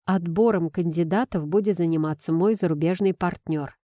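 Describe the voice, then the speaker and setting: A woman reading puts on a middle-aged boss who is stern on the surface but fond underneath. He speaks in a dry, teasing way, sighing between lines, with a mellow, unhurried tone. The recording is dry and close. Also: on the low side, dry recording, lightly acted. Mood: wry.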